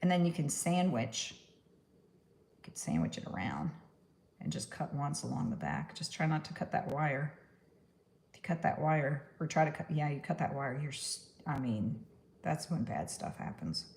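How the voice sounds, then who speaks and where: A New York woman with a Texan accent, a stop-motion puppet maker, chats loosely on a crafting livestream, laughing at her own puns as she rambles. She speaks at normal speed in a deep, darkish voice with vocal fry and big pitch swings.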